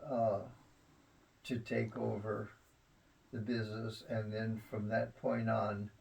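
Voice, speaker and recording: An elderly man reminiscing in a rambling grandpa way about family history, halting often and repeating his words. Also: fairly low pitch, completely flat delivery, creaky, darkish tone, far from the mic, a little hiss or hum, low-quality recording. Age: 70s or older.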